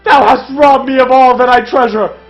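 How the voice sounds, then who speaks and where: A man voicing a vain, lovesick young hero, shouting mock-heroic Shakespearean lines. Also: very high voice, fairly even intonation, normal speed, voice pushed up. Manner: mock-heroic, shouting, laughing mid-line. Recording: roomy lo-fi stream audio with game music.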